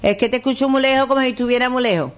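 Woman radio host, high voice, rapid teasing chatter. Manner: teasing, talks over others. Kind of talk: lively radio chat.

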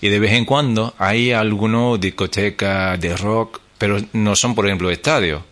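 A man's voice: fairly low pitch, fairly even intonation, moderate pace, a bit bright. A man from New Jersey with an American English accent, a radio guest who talks in hesitant second-language Spanish full of fillers. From New Jersey, United States.

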